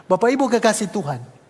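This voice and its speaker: A man's voice: high voice, slightly rough. A man preaching a sermon, animatedly telling stories and acting out conversations to the congregation. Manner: animated storytelling, acting out dialogue, addressing congregation. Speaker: evangelist preacher. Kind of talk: sermon with acted anecdotes. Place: church. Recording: echoey church hall.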